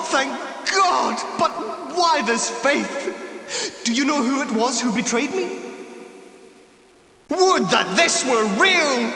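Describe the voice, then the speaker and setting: A tormented young knight's ghost for a video game. The voice is high and bright, ringing through a stone-like hall with long reverb. He pleads his innocence with melodramatic, wounded intensity. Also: exaggerated voice. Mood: desperate hope, then anguished outrage. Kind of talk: theatrical video game character acting.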